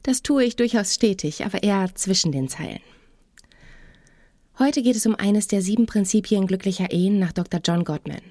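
Calm woman narrating a podcast. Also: mid-range voice, moderate pace, no echo, clean studio sound. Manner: calm, speaks directly to the listener. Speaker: podcast host and couples therapist.

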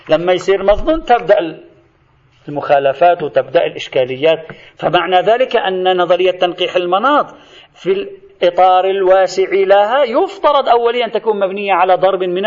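A man's voice: high-pitched, muffled recording. A man lecturing to students in a recorded lesson, explaining step by step and addressing them directly.

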